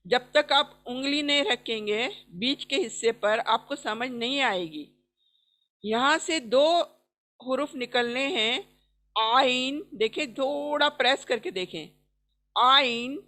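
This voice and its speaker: A woman's voice: high-pitched, fairly bright tone. A woman teaching Quran recitation in an online class, patiently repeating each sound for students to copy.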